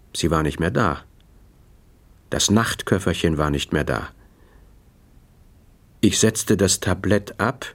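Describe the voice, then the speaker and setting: A man reading a first-person audiobook in a dry, measured, matter-of-fact way. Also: deep voice. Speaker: narrator.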